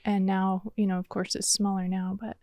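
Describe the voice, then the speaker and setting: A woman's voice: mid-range voice, level tone, normal speed, warm tone, dry recording. A middle-aged woman from Vermont, a church mission director, answering interview questions in careful, detailed explanations. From Vermont, USA. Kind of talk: conversational interview.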